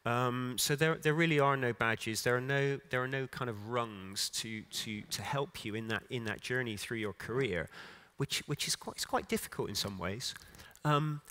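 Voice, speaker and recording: Halting middle-aged man giving a keynote. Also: medium pitch, bright, forceful tone. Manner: unscripted, halting, many restarts and fillers. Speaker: conference keynote speaker. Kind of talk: conference keynote talk. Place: conference stage in a large hall.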